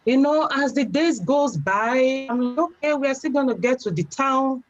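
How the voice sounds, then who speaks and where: A young adult woman with a Nigerian accent, a guest telling her story in a chatty, relaxed way, often saying "you know". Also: high-pitched, normal speed, faint music behind. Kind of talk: casual interview. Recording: slightly dull lo-fi sound.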